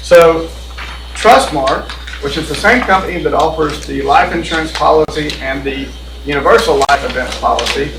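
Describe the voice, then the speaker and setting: Speaking at a normal speed in a slightly high voice, a benefits presenter goes over insurance options for a board meeting, folksy and explanatory, saying things more than once. The recording is echoey, made with a distant mic, and has background noise.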